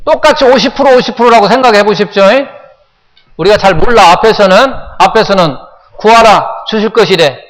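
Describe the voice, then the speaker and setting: A Korean pastor preaching a sermon, often putting questions to the congregation and repeating phrases for emphasis. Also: male voice, high voice, brisk, a bit bright, in a large hall, low-quality recording. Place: church sanctuary.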